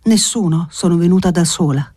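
A man's voice: sits high, a little fast, darkish tone, husky, no echo, clean studio sound. A man reading an audiobook voices a frightened young woman who has fled to her guardian, speaking in a pleading, anxious way.

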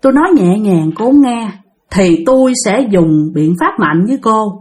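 A woman voicing a stern male exorcist, speaking slowly and firmly. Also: medium pitch, lively intonation, darkish tone, close to an everyday voice. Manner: slow, firm, measured.

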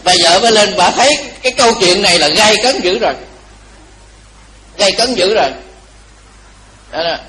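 A man giving a Buddhist dharma talk, telling a story lively and asking the audience questions. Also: high-pitched, normal speed, pauses often, slight background noise, rough recording. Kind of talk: storytelling sermon.

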